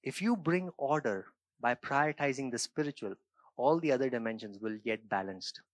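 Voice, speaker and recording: Indian pastor guy in his 30s preaching, chatty and gesturing, handheld mic, dry close sound, middle pitch. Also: normal speed, dry recording. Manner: conversational, often checks in with the audience; gestures a lot while preaching on a stage. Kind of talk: sermon. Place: small church stage studio, indoors.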